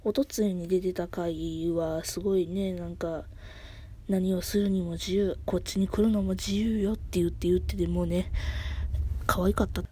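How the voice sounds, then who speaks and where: A woman's voice: fairly low pitch, fairly even intonation, normal speed, mellow, breathy edge. A middle-aged woman with a Kansai accent, hosting a casual solo podcast and rambling as she corrects herself. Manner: rambling, self-correcting, chatty. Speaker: podcast host.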